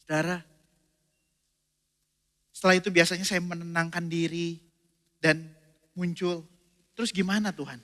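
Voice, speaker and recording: Bright-voiced man preaching in a reverberant church. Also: a little high, steady tone, moderate pace, pauses often. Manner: acts out his own prayers and inner dialogue, switching voices; asks the congregation questions and answers them himself. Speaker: pastor. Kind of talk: sermon. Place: church sanctuary. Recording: reverberant hall with faint music.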